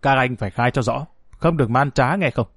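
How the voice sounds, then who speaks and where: A man's voice: medium pitch, fairly quick, slightly rough, dry recording, studio quality. A man voicing a shrewd young male lieutenant who interrogates harshly. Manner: harsh, commanding.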